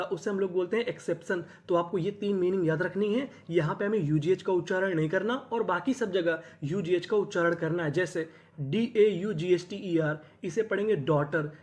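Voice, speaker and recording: A teacher giving a reading lesson, spelling each word letter by letter, repeating it slowly, and asking and answering its own questions. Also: mid-range voice, darkish tone. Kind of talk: classroom-style lesson explanation.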